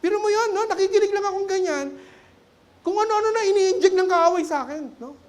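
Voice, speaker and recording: Middle-aged Filipino man as a lay preacher, high-pitched and animated, with playful humor. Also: fairly quick. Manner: animated, humorous, keeps adding a questioning tag to his phrases. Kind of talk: sermon. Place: church sanctuary.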